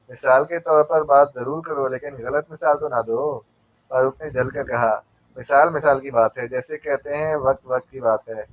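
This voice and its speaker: A man's voice: medium pitch, dry recording. A man narrating a spy novel audiobook, reading the characters' banter with light voice changes.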